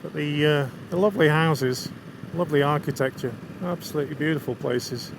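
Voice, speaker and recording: A brisk, gravelly, fairly high-pitched male voice with a Lancashire accent, from England, chats casually to viewers as a motorcycle vlogger riding outdoors. He's enthusiastic about the scenery and his bike. Road, wind and vehicle noise run constantly underneath.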